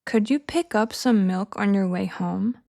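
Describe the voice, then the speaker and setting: Measured woman teaching English phrasing. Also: mid-range voice, dark tone. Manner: clear, measured, encouraging teaching delivery. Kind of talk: scripted lesson narration.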